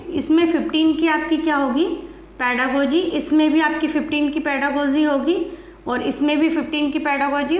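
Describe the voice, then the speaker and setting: A woman teacher giving exam-prep advice in a casual teaching talk, repeating herself and adding fillers like "okay". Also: high-pitched. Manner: repetitive, fillers like "ok" and "theek hai". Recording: echoey room.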